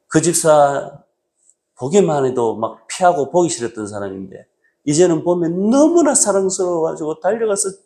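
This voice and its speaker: A male pastor preaching a sermon, moving between raised exhortation and quiet low asides. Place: church sanctuary.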